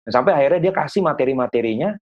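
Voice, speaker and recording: A man, a guest musician, telling a long anecdote in relaxed, slangy conversation. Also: mid-range voice, rapid-fire. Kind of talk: casual interview storytelling. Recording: dull lo-fi audio.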